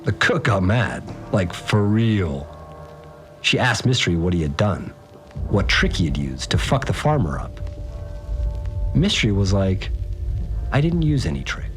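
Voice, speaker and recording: In an audio drama, an actor plays a rattled, slangy, laid-back guy recounting his story in first person, conversationally and informally. His low-ish voice is very animated, a bit slow, and full of pauses, sounding agitated and baffled over soft background music.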